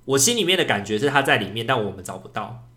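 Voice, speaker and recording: A young man from Taiwan, a podcast co-host telling a story in casual chat, animated and acting out calls. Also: mid-range voice, quick pace. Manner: animated storyteller who acts out shouted calls.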